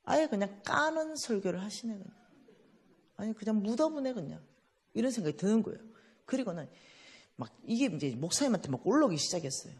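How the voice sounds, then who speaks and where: A woman with a Gyeongsang accent giving a lively testimony sermon, acting out the dialogue in her story. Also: medium pitch, brisk, breathy edge, in a large hall. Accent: Gyeongsang Korean. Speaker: church finance speaker.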